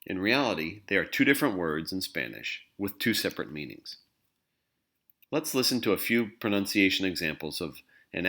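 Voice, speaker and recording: Male language teacher, very low voice, patient scripted explainer. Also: bright, forceful tone. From English-speaking country. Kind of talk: scripted instructional narration.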